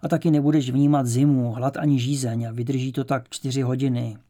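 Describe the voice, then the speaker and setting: A man voicing a calm, self-assured older male teacher who lectures firmly, in a dark, gravelly voice. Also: mid-range voice.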